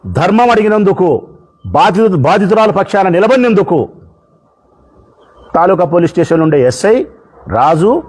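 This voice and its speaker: A man's voice: high-pitched, sing-song, moderate pace, pauses often, a little mellow, husky. A man speaking as a politician, addressing the press in an impassioned, repetitive way. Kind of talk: public speech to press.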